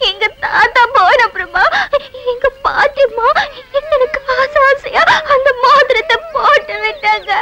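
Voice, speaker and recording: A woman's voice: very high-pitched, unhurried, noisy background. An actress playing a scheming young woman who fakes tears to trick a man in a comedy film. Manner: scheming, mock-tearful. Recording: film scene with loud music.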